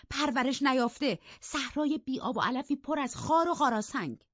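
A woman voicing a proud, sharp-tongued young woman who mocks and scolds in an audiobook. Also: a little high, dry recording, pitched above the performer's own voice. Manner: cutting and mocking. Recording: dull, dry lo-fi recording.

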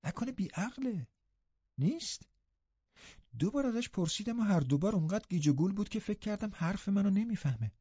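A forthright, curious young girl from a storybook, voiced by a man pitched well above his own voice and kept quiet. She asks with earnest wonder. The dull, lo-fi recording has little room sound. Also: lively intonation, breathy edge, no room sound. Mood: puzzled.

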